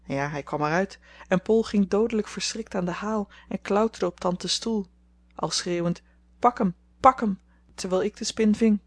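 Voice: medium pitch, normal speed, dry recording, close to an everyday voice. A reader voicing a prim, earnest young girl in an audiobook, with little change from the narrating voice. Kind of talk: audiobook character voice.

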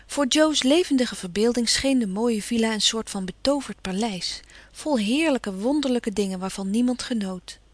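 A woman narrating an audiobook with measured, even pacing. Her voice sits on the high side and is recorded very dry and close. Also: no room sound. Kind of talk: scripted narration.

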